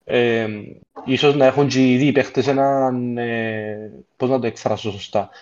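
A man's voice: mid-range voice, fairly even intonation, darkish tone. A man with a Cypriot Greek accent in a casual football discussion, explaining his points and feeling for his words. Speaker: football podcast panellist. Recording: dull lo-fi audio.

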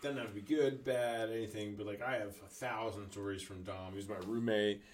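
Low-voiced man, echoey and off-mic. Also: steady tone, recorded from a distance. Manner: loose, joking, quick asides. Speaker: podcast host. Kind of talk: casual chat.

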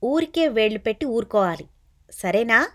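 A woman voicing an excited young girl who eagerly gives bossy instructions as she leads a spirit game. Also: fairly high pitch, normal speed.

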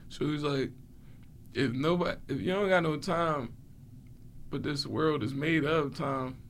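A man's voice: fairly high pitch, a little slow, slight background noise. A man in a casual, slangy chat, philosophizing in an easygoing way as a podcast co-host.

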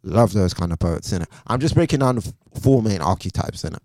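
A man with a low voice and a London roadman accent, talking casually as a podcast co-host. His speech is slangy and keeps checking in with tag questions. The sound is dry, with no room on it. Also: expressive, fast talker, darkish tone, dry recording.

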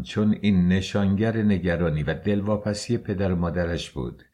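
Deep, husky male audiobook narrator. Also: mellow. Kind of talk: scripted narration.

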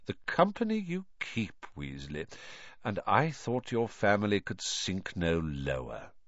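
A man's voice: on the low side, very animated, a little slow, fairly bright tone, no echo. A man doing a silky, sneering aristocratic wizard. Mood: menacing. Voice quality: silky, contemptuous. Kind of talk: audiobook reading. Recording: dull lo-fi dry recording.

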